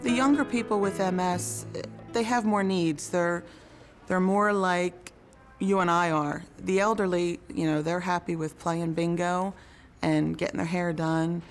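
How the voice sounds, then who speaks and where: A woman's voice: fairly low pitch, steady tone, unhurried, faint music behind. A woman working as a care aide, giving plain, practical interview answers in a care facility. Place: indoor care facility lounge.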